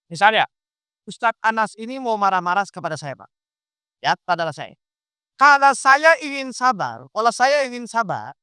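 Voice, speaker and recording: A man's voice: high voice, clear, resonant tone, dry recording, clean studio sound. A man preaching an interactive sermon, asking his listeners question after question as he explains. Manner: animated, quizzes the audience with questions.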